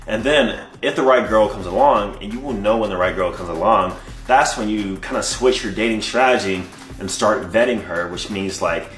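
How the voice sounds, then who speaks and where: A man with a low voice lays out dating advice in a direct, instructive way. He sounds like he is in an echoey room, with soft music underneath. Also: normal speed.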